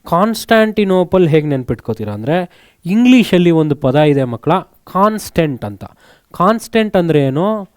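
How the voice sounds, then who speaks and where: A man's voice: a little high, very animated, moderate pace, clean tone, no echo, studio quality. A man teaching an exam-prep lesson. He keeps asking his students questions, then answers them himself, and mixes English words into his speech.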